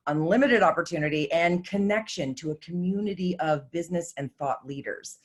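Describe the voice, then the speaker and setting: A woman hosting a live stream, giving a scripted and upbeat introduction, emphatic and promotional, over a video call. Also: on the low side. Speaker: host.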